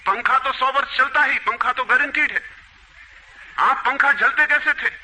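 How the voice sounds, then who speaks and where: A cunning street fan seller from a spoken fable talks his way out of trouble in a glib, persuasive voice, as a man puts him on. His tone is high and very bright. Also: moderate pace, a little hiss or hum, exaggerated voice, poor audio.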